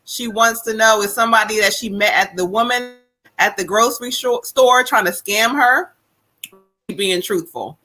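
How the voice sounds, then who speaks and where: A woman's voice: a little high, moderate pace, bright, forceful tone, soft background music, rough recording. A woman co-hosting a live tarot reading stream, chatting casually, slangy and laughing, with the odd swear. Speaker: tarot reader and co-host.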